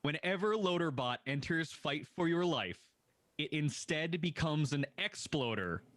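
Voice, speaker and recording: A man's voice: on the high side, animated, a little slow, fairly bright tone, dry recording. A man presenting a game reveal, enthusiastic and asking his co-host questions.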